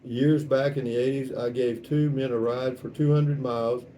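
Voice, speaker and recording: A South Texas man in his seventies hosts a vlog, chatting casually and reading out and answering viewer comments in a folksy, rambling, wry manner with a Texan accent. His voice is medium-pitched and warm, with fairly even intonation and normal speed. The distant mic picks up faint background noise.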